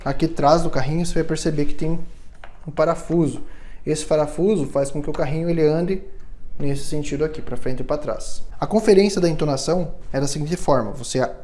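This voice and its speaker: A man, speaking in a slightly raised, mellow and warm voice. He explains instrument setup patiently, step by step, as a hands-on workshop demonstration, and keeps checking in with the listener. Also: fairly high pitch, brisk. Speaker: luthier instructor.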